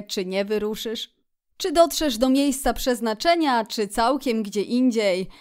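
A woman voicing a genial male water rat in a storybook reading, speaking in a grand, unhurried way and savoring each word. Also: fairly high pitch, a little mellow, lightly acted. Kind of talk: audiobook character voice.

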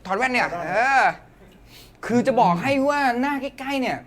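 A man's voice: very high-pitched, lively intonation, moderate pace, a crowd in the background. A man hosting a live stream, bantering casually and joking with crude slang.

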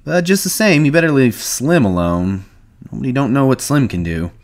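Dude doing a gossipy ranch hand, eager drawl, audiobook read. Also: male voice, mid-range voice, animated, normal speed, voice pushed up, lightly acted. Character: chatty young male ranch hand, boastful. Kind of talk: audiobook reading.

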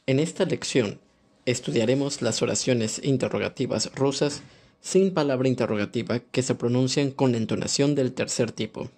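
Man narrating a language course. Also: mid-range voice. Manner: calm, measured instructional reading. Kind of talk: scripted audiobook narration.

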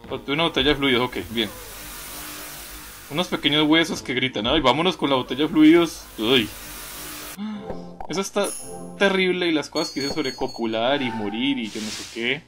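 A young male let's-play host who talks casually over his game. He bursts into loud groans and frustrated exclamations, then settles down to read the on-screen text aloud. His voice sits at an ordinary middle pitch. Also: moderate pace, faint music behind. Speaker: gameplay video host.

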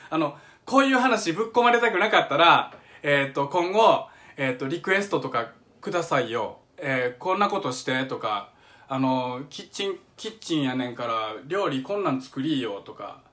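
A middle-aged man with a Kansai accent talks a little fast with lively intonation, his voice a little high and a bit bright. He eagerly explains music while live-streaming from his home kitchen on a phone or webcam, humming examples and voicing viewer comments.

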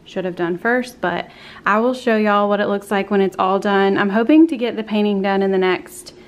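A woman's voice: mid-range voice, normal speed. A woman, chatting casually about a home project in a bedroom. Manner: chatty, upbeat, uses y'all. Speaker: home vlogger. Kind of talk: casual chat. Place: bedroom being painted, indoors.

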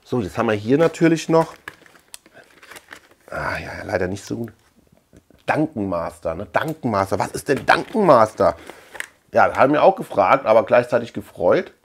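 A man in his thirties hosts a collector video channel from a small shelf-lined room, rambling casually and thinking aloud in a chatty, digressive way. His fairly low voice is sing-song and creaky, at a moderate pace with long pauses. Slight background noise is audible.

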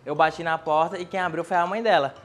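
High-voiced man telling a comic story. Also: fast talker, soft background music. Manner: animated, building comic tension. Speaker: stand-up comedy contestant. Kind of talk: stand-up storytelling. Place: TV studio.

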